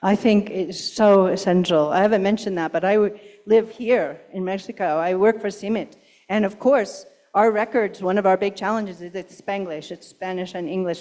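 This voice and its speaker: A woman's voice: medium pitch, darkish tone. A woman giving a conference keynote and answering questions, emphatic and urgent, often posing rhetorical questions. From Pacific Northwest, US. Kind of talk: conference talk and Q&A.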